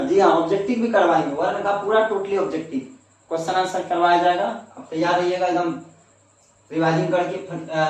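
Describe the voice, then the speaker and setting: A man's voice: fairly high pitch, very echoey, recorded from a distance, poor audio. A man teaching a grammar lesson to students, asking questions and answering them himself.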